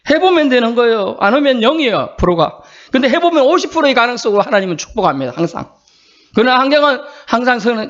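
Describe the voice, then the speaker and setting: A male pastor preaching a sermon in an earnest, conversational way, sometimes acting out quotes in a high voice. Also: a bit bright, highs cut off.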